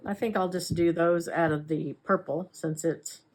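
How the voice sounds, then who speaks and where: Speaking in a fairly low, darkish voice with fairly even intonation, a crochet instructor gives a relaxed step-by-step tutorial at a normal speed. She works with her hands while talking unhurriedly, adding chatty side comments and self-corrections.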